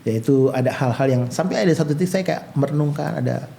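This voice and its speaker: A man's voice: a little high, fast talker, gravelly, slight background noise. A male pastor, telling his own life story in an interview and acting out the voices of people he quotes. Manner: animated storyteller who acts out quoted voices.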